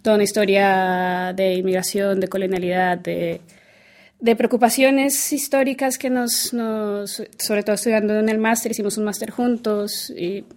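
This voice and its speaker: A woman answers an interview question calmly. Her pitch stays level and steady, and soft fillers fall between her phrases. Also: moderate pace. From Colombia. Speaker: guest artist.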